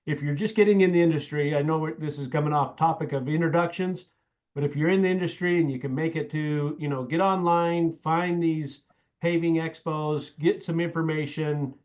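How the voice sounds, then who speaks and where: A man's voice: on the high side, fairly even intonation, moderate pace, darkish tone. A man chatting casually as a participant in a group call. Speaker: meeting participant. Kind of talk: casual chat. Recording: slightly dull lo-fi call audio.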